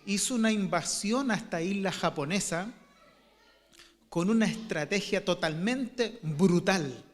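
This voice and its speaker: A man preaches from the pulpit, unhurried and a little high-pitched, stopping often on fillers and starting sentences over. His voice rings with the long reverb of a church hall. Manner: storytelling with many fillers and restarts. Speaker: pastor. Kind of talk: sermon.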